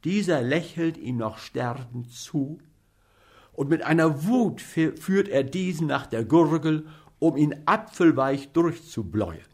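A man narrating a story aloud with measured, theatrical delivery. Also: a little high, lively intonation, a little mellow, husky. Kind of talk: dramatic story reading.

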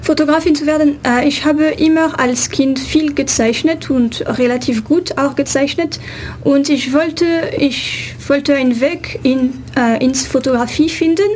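A woman's voice: high voice, unhurried, darkish tone, a little hiss or hum. A woman photographer from France with a French accent, answering radio interview questions in hesitant, non-native German with frequent fillers.

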